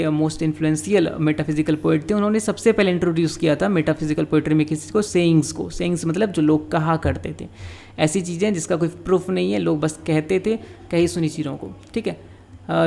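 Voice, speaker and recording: A man teaching English literature, reading lines slowly in English and then explaining them in Hindi with frequent filler sounds. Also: a little high, gravelly, a little mellow.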